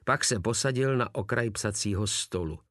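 A man narrating an audiobook in an expressive storytelling manner. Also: on the low side, no room sound, clean studio sound. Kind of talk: audiobook reading.

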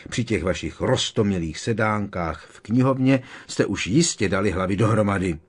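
A man's voice: fairly low pitch, husky. A man voicing a sulky, jealous teenage boy wizard who sneers and snaps, in an audiobook reading. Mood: jealous, sneering. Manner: sneering, snapping.

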